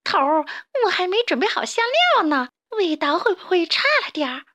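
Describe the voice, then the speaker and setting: A woman's voice: very high-pitched, expressive, moderate pace, a bit bright, no echo, voice pushed up. A woman storyteller voicing a dim-witted, greedy male rat henchman who talks eagerly. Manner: eager, silly.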